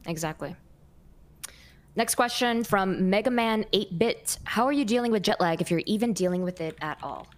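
A woman's voice: mid-range voice, moderate pace. Woman reading out viewer questions. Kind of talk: casual Q&A chat.

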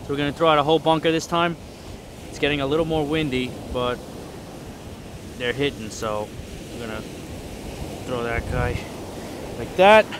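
A man vlogging his fishing trip on a windy beach, excited, swearing freely and talking to viewers. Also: mid-range voice, normal speed, pauses often. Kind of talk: casual outdoor vlog narration. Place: windy beach outdoors by the surf.

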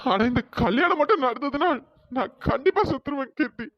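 A woman voicing a distressed, soft-hearted young man in a cartoon story, speaking plaintively and tearfully. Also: high-pitched, lively intonation, fairly quick, muffled recording, slight background noise. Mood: anguished.

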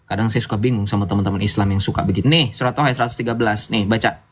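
A man's voice: lowish voice, steady tone, rapid-fire. Chatty man lecturing on a livestream. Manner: chatty, lecturing, asks "betul nggak?" often. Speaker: livestream host. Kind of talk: casual livestream chat.

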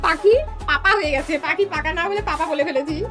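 A woman's voice: high-pitched, fast, over loud music. A young mother hosting a playful tongue-twister challenge with her daughter, chatty and laughing, talking to her viewers as friends. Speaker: mother and channel host.

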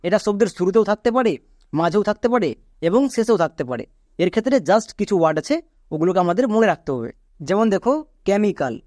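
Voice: mid-range voice, a little mellow, dry recording, clean studio sound. A teacher explaining English spelling rules step by step, drilling each point by repeating it and spelling words out letter by letter.

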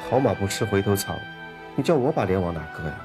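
A man's voice: fairly low pitch, expressive, quick pace, lightly acted. A man playing a proud jobless young husband. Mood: earnest. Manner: indignant, then earnest and reassuring. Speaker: laid-off office worker, husband. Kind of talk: TV drama acting. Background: music score.

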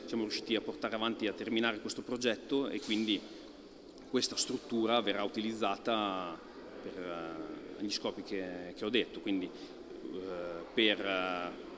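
A man in his thirties, an archery club president, giving an interview in an indoor archery hall, talking with many fillers and pauses. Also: lowish voice, steady tone, background noise. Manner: thoughtful, halting, many fillers. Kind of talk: on-camera interview.

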